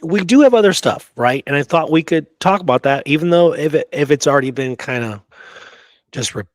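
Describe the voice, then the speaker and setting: Fairly high and expressive, the co-host's voice moves at a fairly quick clip as he makes emphatic points in a casual podcast chat. He keeps asking brief rhetorical questions like "right?" and "okay?", and the recording is dry.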